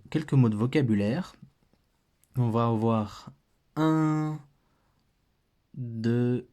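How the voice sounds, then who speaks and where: A man's voice: mid-range voice, warm tone. A man with a French accent teaching a patient, step-by-step lesson, thinking aloud as he writes.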